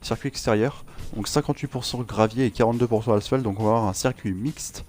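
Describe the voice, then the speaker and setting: A man's voice: lowish voice, fast, darkish tone. A man casually commentating over his own racing gameplay, rambling and joking with many fillers and restarts. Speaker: gaming channel host. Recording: game sounds and music behind.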